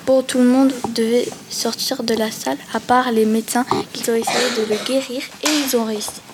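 A young female student reads her short story aloud in a plain, slightly high voice. She trips and restarts now and then. Steady background noise sits under the voice. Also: a little fast. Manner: plain reading with small restarts. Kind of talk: reading a written story aloud.

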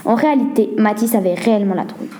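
A woman reading a children's mystery story aloud as a steady, even narrator. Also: mid-range voice, quick pace.

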